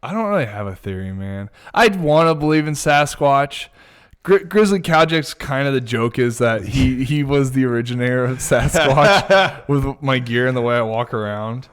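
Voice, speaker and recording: A man with a Californian accent talks through stories on a podcast, easygoing and drawling like a surfer. His voice sits at an ordinary middle pitch. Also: lively intonation, normal speed, clear, resonant tone. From Bay Area, California. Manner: laid-back, drawling surfer-like delivery. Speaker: guest. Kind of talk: casual podcast chat.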